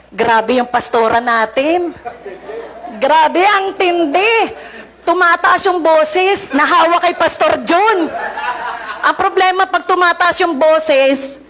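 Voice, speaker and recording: A Filipino woman preaching with a cold, chatting and laughing through a casual story before her sermon. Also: high voice. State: congested with a cold. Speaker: lay preacher.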